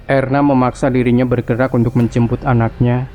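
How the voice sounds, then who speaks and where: Hushed, dark-voiced man narrating creeping horror. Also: mid-range voice, level tone, fairly quick, soft background music.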